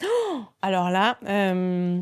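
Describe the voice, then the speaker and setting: A woman in her thirties, a radio host, chatting in a lively interview with frequent laughs and restarts. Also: medium pitch, drawn-out words, smooth. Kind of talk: casual interview chat.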